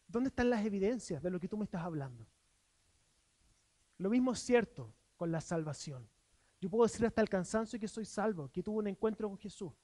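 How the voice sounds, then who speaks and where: A man's voice: high voice, warm tone, no room sound. A man with a Chilean Spanish accent preaching a sermon as pastor, earnest, asking rhetorical questions and voicing imagined objections from listeners. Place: church.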